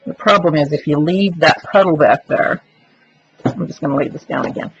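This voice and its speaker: Speaking at a normal speed, this low-pitched woman has a breathy edge as she demonstrates a craft step by step. She talks chattily, narrating her moves and thinking aloud, over a dull lo-fi recording with faint noise.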